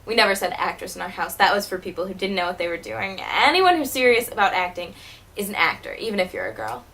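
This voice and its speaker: Woman playing a teenage girl, dramatic monologue, bitter, halting, wry, middle pitch. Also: fairly bright tone, close to an everyday voice, poor audio. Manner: bitter, hurt, halting with repeated words. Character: wounded, wry teenage girl, former child stage performer.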